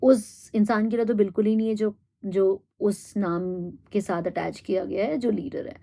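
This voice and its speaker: A woman giving a reflective monologue, thinking aloud with pauses and fillers and mixing in English phrases. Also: medium pitch, fairly even intonation, vocal fry, warm tone. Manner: thoughtful, pauses with fillers, mixes Hindi and English. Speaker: host.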